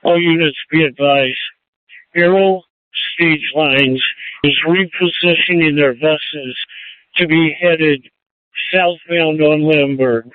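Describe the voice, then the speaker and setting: Man, security officer, heard over a two-way radio, slightly high voice, tinny dry sound. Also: slow pace, dry recording. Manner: clipped, matter-of-fact radio reports. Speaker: officer at a rally security post. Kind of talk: radio dispatch traffic.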